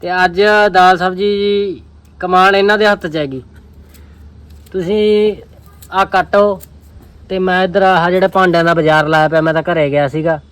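A man's voice: sits high, steady tone, normal speed, a bit bright, clean tone, low-quality recording. A man with a Punjabi accent vlogging in casual, colloquial banter with his roommates. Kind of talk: casual vlog chat with roommates.

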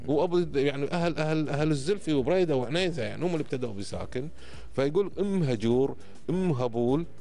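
A man's voice: a little high, expressive, very fast, dark tone, faint music behind. A man in his fifties with a Kuwaiti Gulf Arabic accent, explaining emphatically like a teacher in a podcast conversation, checking often that he is followed. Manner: emphatic, didactic, frequent checking tags. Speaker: podcast guest. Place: indoor podcast studio. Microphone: close studio microphone on boom arm.

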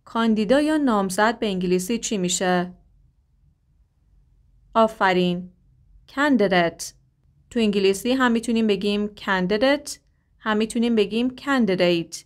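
Young woman English teacher, quick explanations, slow drilled phrases, mid pitch. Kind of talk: language lesson.

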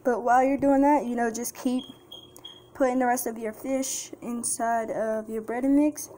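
Young woman, casual cooking vlogger talking to viewers, slightly high voice, phone-recorded in her kitchen with light noise. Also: fairly even intonation, normal speed, warm tone. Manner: chatty, addresses viewers as y'all and guys. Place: home kitchen. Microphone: handheld phone camera.

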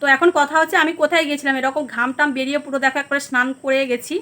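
Chatty Bengali housewife vlogging at home. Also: female voice, sits high, steady tone, very fast, pushed and bright. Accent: Bengali (West Bengal). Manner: chatty, rambling, many fillers. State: hoarse, throat going. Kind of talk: casual vlog chat to viewers.

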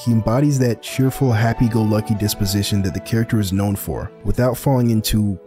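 A man's voice: on the low side, brisk, over music. A young man narrating a scripted video essay in a dry, sarcastic way.

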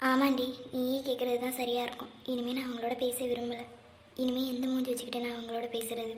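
A woman voicing a lovestruck, anxious young woman in a cartoon who hides her feelings and talks in a quick, chatty, defensive way. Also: high-pitched, a little mellow, a little hiss or hum, natural voice. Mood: heartsick. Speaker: cartoon character. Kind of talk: cartoon voice acting.

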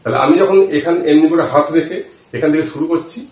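A man giving a slow, deliberate lesson on chanting, counting aloud as he shows the finger positions. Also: fairly high pitch. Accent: Bengali. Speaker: spiritual teacher. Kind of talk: instructional talk to camera. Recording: roomy echo, voice from some distance.

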